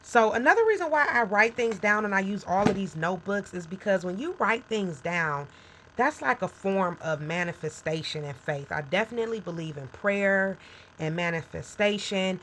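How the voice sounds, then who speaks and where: Poor audio with a little hiss or hum captures a medium-pitched, expressive, fairly bright voice at a moderate pace. She's a woman in her forties who runs a small business, chatting casually to camera, frank and encouraging, speaking straight to the viewer, and checking in with "okay?" and "right?"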